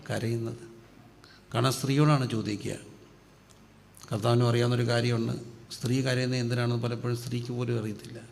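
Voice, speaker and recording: Gravelly preacher asking and answering himself. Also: male voice, medium pitch, a little mellow. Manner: asks questions and answers them himself, dropping his voice on the answer. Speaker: pastor. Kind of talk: sermon. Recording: hall reverb with faint background noise.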